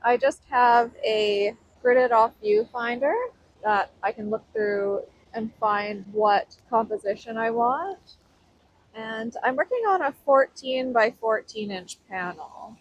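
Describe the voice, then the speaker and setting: Woman painter, high-ish voice, chatty step-by-step talk, tin-can sound from a muffled noise-canceling mic. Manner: chatty, explains each step as she goes. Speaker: painter demonstrating outdoors. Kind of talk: casual painting tutorial. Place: outdoors by a waterfall. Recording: dull tin-can mic, faint outdoor ambience.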